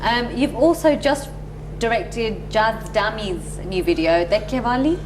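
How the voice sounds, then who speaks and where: A woman's voice: fairly high pitch, lively intonation, slow pace. A woman hosting a casual, chatty interview in an informal, reactive way. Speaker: show host, interviewer. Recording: loud background noise with hum.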